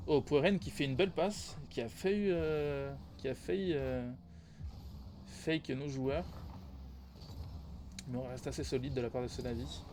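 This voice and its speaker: A man's voice: medium pitch, unhurried, pauses often, darkish tone, slight background noise. Tired man rambling through game commentary. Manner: rambling, self-correcting, laughs at own slips. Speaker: esports caster.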